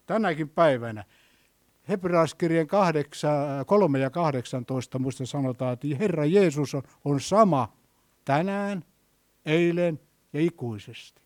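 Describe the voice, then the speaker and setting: Middle-aged male preacher, high-pitched, storytelling sermon, quiet to loud. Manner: storytelling, swings between soft and loud.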